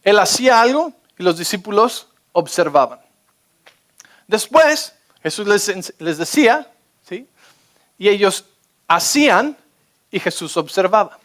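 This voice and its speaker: A man preaching a sermon as pastor, energetic and often checking in with his listeners. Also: high-pitched, measured pace, pauses often. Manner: energetic, keeps checking in with the audience.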